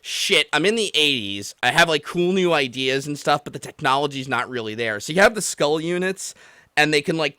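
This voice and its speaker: In a fairly high voice, the host of a podcast and livestream that takes callers rambles on about a game, exasperated, animated, and profane, mimicking others in mock quotes. The casual rant is recorded with clean studio sound and no room sound.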